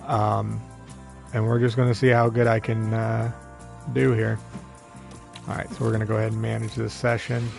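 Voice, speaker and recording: Gravelly-voiced man casually streaming a game. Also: on the low side, little pitch movement, normal speed, pauses often, darkish tone, faint music behind. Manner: rambling, easygoing, talks to a friend on a call. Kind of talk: casual live-stream chat.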